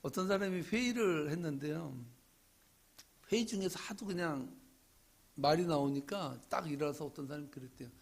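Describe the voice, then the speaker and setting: Raspy, high-voiced man preaching a sermon. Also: moderate pace. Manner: animated preaching, swinging from loud questions to hushed asides. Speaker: pastor.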